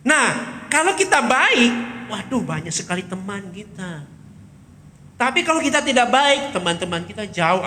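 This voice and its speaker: Guy doing a sunday school sermon for kids, bright voice, big echoey church hall. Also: very high voice. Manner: animated, quizzes the children, tags lines with "ya". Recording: long hall reverb.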